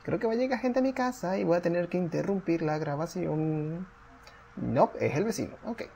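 A gaming channel host plays a video game at home in casual let's play commentary, his high voice creaky and at normal speed, with a little hiss or hum. Excitable, he chats to the characters, reads their lines aloud, and yelps and swears when things get tense.

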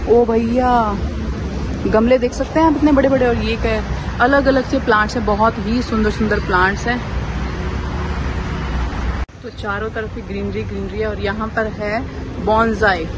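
A woman's voice: fairly high pitch, fairly even intonation, moderate pace, long pauses. A middle-aged woman chatting upbeat to viewers in a casual travel vlog, filmed outdoors on a phone held at arm's length. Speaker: vlogger. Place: outdoors on a highway and in a garden restaurant. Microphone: handheld phone at arm's length. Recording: loud wind and traffic noise. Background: traffic and wind.

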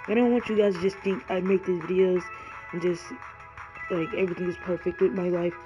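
A man's voice: sits high, flat delivery, a little fast. A man giving earnest, rambling gameplay commentary from a cold garage, shivering and full of ums and likes. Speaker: gaming YouTuber. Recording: dull lo-fi audio with loud music.

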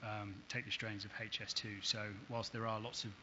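A man's voice: on the low side, little pitch movement, normal speed, bright, forceful tone. A man, a council officer, giving a formal explanation in answer to questions. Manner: hesitant in places. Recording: dull meeting audio with faint hiss.

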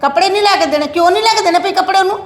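A woman's voice: very high voice, rapid-fire. An actress playing a stern older grandmother who scolds her daughter-in-law in a family drama, speaking firmly and commandingly. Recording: echoey room.

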